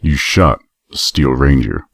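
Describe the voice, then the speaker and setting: A man brings to life a battle-worn male pony soldier in heavy armor, heard in a storybook reading. His voice sits extremely deep and gruff, measured and somber. It is recorded close and dry. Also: a bit bright, no room sound, exaggerated voice. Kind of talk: audiobook role reading.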